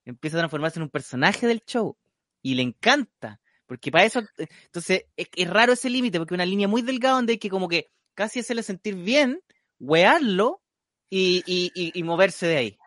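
A man's voice: sits high, lively intonation, brisk, fairly bright tone, no echo, studio quality. A man with a Chilean accent, a stand-up comedian talking loosely in a casual chat. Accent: Chilean Spanish. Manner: loose slangy talk with restarts.

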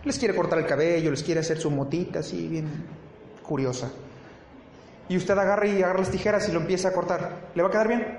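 A pastor preaching to his congregation in a fairly high voice. He keeps it conversational, asking the room questions and tossing in joking asides. The sound is roomy, with faint background noise from the church. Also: fairly even intonation, brisk, a little mellow. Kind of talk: sermon.

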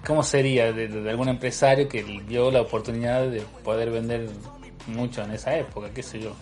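A man in a casual chat, talking with many pauses and restarts. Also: mid-range voice, steady tone, a little mellow, soft background music. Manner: hesitant, many restarts and fillers.

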